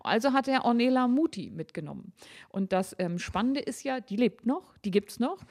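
A woman's voice: fairly high pitch, animated, moderate pace, a little mellow. A woman co-hosting a podcast in casual chat, chatty and laughing often as she runs through a list. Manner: chatty, laughs often, lists items playfully. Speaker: podcast co-host.

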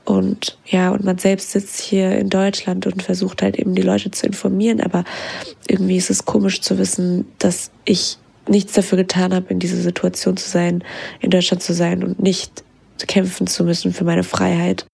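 A woman sending a voice memo, her voice husky and heavily creaky, with a flat, level delivery. She speaks reflectively and hesitantly, as if thinking aloud. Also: fairly low pitch, normal speed. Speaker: community member sending a voice memo. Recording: voice memo from a phone.

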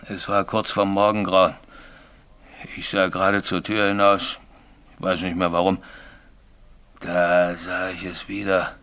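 An actor playing a frightened railway signalman haunted by a ghost, telling his story haltingly and growing frantic, in a 1980s German radio drama. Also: low voice, pushed and bright, exaggerated voice. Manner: tells his tale haltingly, then grows frantic and desperate.

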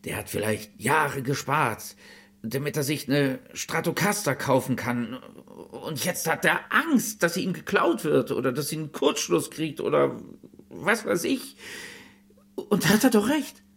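Brief: a husky insurance seller, lively pitch, coaxing. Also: male voice, measured pace, full character voice. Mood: persuasive. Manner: persuasive, apologetic pleading. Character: earnest pleading male insurance seller. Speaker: insurance salesman. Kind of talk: film drama acting.

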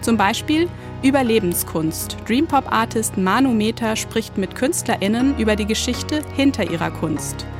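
A woman announcer reading a scripted promo in a clear, upbeat manner. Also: a little high, expressive, moderate pace. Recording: music bed under voice.

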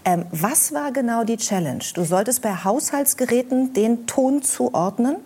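A woman's voice: on the high side, animated, a little slow, mellow, breathy edge. A woman hosting a television talk show, guiding the guest with friendly questions.

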